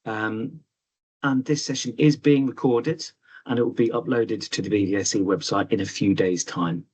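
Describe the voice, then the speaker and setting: Husky low-voiced man hosting a webinar. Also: fairly even intonation, normal speed, darkish tone, low-quality recording. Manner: chatty, hesitant with many ums. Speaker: webinar host. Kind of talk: casual online presentation.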